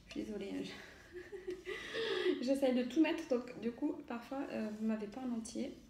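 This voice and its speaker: A woman's voice: a little high, normal speed, dark tone, roomy sound, a little hiss or hum. A woman walking through a recipe in a casual cooking tutorial at home, chatty and hesitant, with many fillers and self-corrections. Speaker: home cook demonstrating a recipe.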